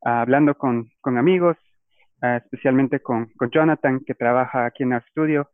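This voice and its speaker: A man's voice: mid-range voice, moderate pace, no room sound. Man on a tinny line. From Guatemala. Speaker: guest, data scientist. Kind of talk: casual interview. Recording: tinny phone-like line, dry.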